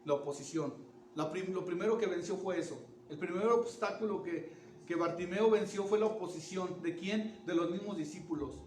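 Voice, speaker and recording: A man preaching a sermon in an animated way, asking the congregation questions and restarting words. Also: high-pitched, moderate pace, slight background noise. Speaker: pastor. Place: church. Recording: echoey church room from far off.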